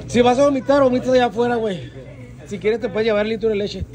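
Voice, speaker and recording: A man's voice: very high voice, fast talker, darkish tone. A man with a Mexican accent hosting a food challenge, teasing and egging someone on in casual slang. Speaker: host filming a food challenge. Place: indoor grocery store. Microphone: phone at arm's length. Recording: busy store with crowd noise.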